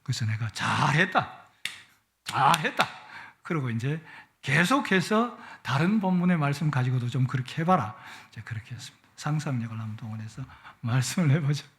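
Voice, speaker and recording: Animated man preaching with bright voice. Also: medium pitch, fairly quick. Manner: playful, animated preaching that swells with emotion. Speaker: guest pastor. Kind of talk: sermon. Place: church sanctuary.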